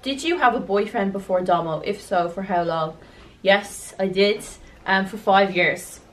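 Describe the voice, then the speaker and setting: A woman's voice: mid-range voice, a little slow, a bit bright. A young woman, co-owner of a beauty business, chatting casually through a Q&A and leaning on "you know" and "like". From rural Ireland. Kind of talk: casual Q&A chat. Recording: slightly distant mic with faint noise.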